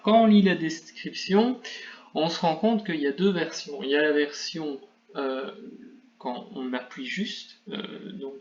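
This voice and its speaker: A man's voice: fairly high pitch, fairly bright tone. A man hosting a video game guide, methodically explaining a game skill over slides with a lightly self-mocking touch. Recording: dull lo-fi recording, faint background noise.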